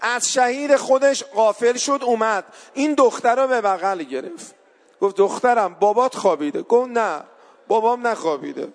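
A man telling a mourning story as a sermon, voicing the people in it, then rising into a wailing chanted lament. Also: very high voice. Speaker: eulogist preacher.

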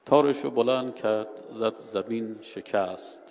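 A man telling a story in a sermon, shifting between hushed and loud, dramatic delivery. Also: on the low side, gravelly. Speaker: preacher. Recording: hall reverb with faint ambient noise.

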